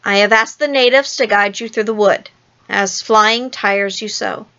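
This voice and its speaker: A proud boy leader who is used to being obeyed, as a woman reading aloud puts him on. He speaks in a short, sharp, commanding voice, a little lower than the reader's own, and the recording has a dull lo-fi tone. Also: measured pace. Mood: stern.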